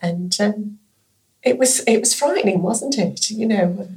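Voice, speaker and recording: A woman, a former nurse speaking softly and hesitantly in an interview. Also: mid-range voice, animated, unhurried. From England. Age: 60s. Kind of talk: conversational interview.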